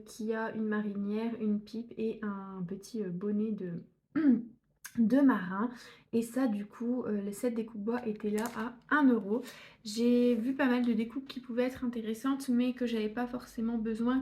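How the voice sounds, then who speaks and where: A woman's voice: a little high, mellow. A woman from northern France chatting through a scrapbooking haul, hesitant with many fillers and restarts. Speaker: scrapbooking YouTuber. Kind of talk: casual haul video.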